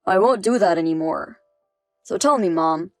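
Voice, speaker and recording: A woman's voice: lowish voice, moderate pace, dry recording, soft background music, lightly acted. Woman voicing a pleading grown son. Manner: pleading, apologetic. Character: indebted adult son begging his mother. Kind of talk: text-message story reading.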